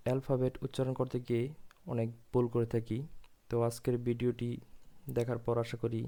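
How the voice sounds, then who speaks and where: A man's voice: medium pitch, mellow. A man teaching English pronunciation, repeating each sound several times with emphasis. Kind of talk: slow step-by-step pronunciation lesson.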